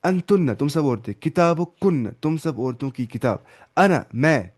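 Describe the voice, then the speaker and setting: A man's voice: fairly high pitch, lively intonation, normal speed, a little mellow. A man teaching an online Arabic lesson in Hindi, drilling grammar through repetition and often asking his students questions. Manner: repetitive drilling with hand gestures.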